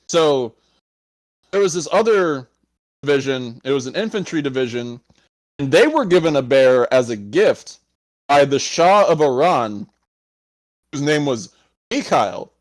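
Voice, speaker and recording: A man's voice: fairly high pitch, lively intonation, a little slow, no echo, poor audio. A man co-hosting a podcast, telling a story in loose casual chat, swearing often and laughing between lines. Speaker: podcast co-host.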